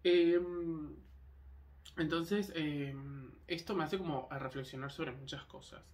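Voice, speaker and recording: A man's voice: fairly high pitch, fairly even intonation, slow pace, a little mellow, far from the mic. A young man from Argentina with a partly Canarian Spanish accent, rambling casually to camera with many fillers and restarts. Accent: Argentine Spanish with Canarian touches. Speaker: vlogger.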